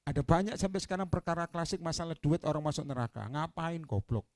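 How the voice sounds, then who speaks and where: Man, evangelist preacher, Indonesian accent with Javanese touches, sermon, fairly high lively voice, dry close sound. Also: fast talker, no echo. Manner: animated storytelling, swings from quiet to loud proclamation.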